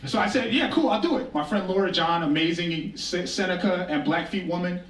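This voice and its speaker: Recorded from a distance in an echoing room, an American man from the Northern Plains gives a live stage talk indoors. His voice is quite high and a bit bright, and he talks fairly quickly, like a casual storyteller using wry humour and repeating phrases for emphasis.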